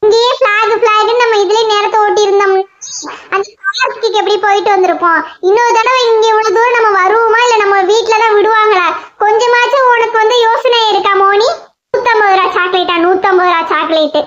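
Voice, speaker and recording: A woman voicing a hot-tempered young girl in a children's cartoon, scolding and complaining in a rapid-fire way. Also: very high-pitched, fairly even intonation, fairly bright tone, muffled recording. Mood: exasperated.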